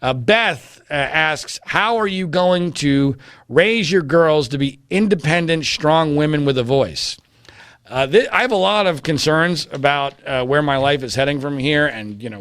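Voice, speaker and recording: A middle-aged male podcast host with a slightly high voice talks in a wry, rambling monologue, full of filler words. The recording is dry and close, with no room sound. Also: normal speed, fairly bright tone, smooth, no echo. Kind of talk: casual monologue answering listener questions.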